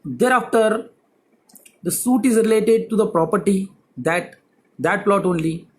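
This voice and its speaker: A man's voice: high-pitched, measured pace, rough recording. A man, an advocate, giving a law lecture with emphatic repetition of key words. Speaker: advocate teaching civil procedure.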